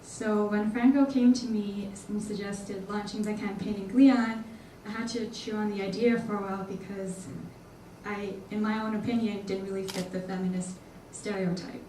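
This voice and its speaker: A young woman from Hong Kong gives an earnest welcome speech as a student organizer. Her voice is mellow and sounds distant, echoing through a large hall. A faint hum of room noise sits underneath. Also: mid-range voice, steady tone, moderate pace. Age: young adult. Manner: earnest, slightly nervous. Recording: echoey hall from far off.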